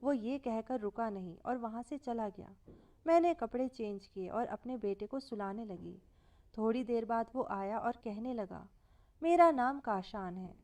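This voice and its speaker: A woman's voice: a little high, unhurried, dark tone, far from the mic. A woman narrating a first-person family story, quoting every speaker in her own voice.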